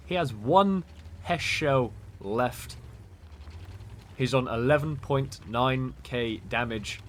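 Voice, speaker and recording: A man giving excitable, stumbling commentary on a tank game replay. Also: mid-range voice. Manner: excitable, laughing, stumbles over words.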